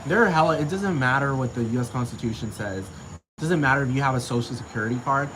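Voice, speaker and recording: A man's voice: medium pitch, quick pace, background noise. A man ranting to camera in a casual, profane, heated way, repeating himself.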